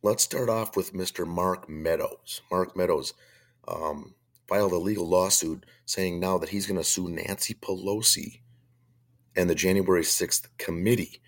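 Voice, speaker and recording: Hosting a faith-based talk radio show, a man speaks in a very low voice made hoarse by a chest cold. He's blunt, conversational and free with his opinions, talking unhurriedly with fairly even intonation.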